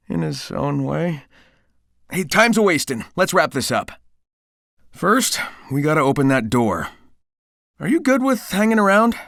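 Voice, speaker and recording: Lively, cocky hedgehog hero. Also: male voice, a little high, no room sound, clean studio sound. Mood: warm, reassuring. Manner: breezy, wisecracking, confident. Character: cocky, upbeat young male hedgehog speedster hero. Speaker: video game voice actor. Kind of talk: animated video game dialogue.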